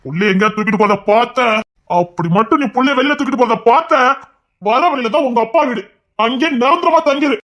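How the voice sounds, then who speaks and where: A man acting a hot-tempered young husband in an audio drama, sharp, commanding and threatening. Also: very high voice, brisk. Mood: angry.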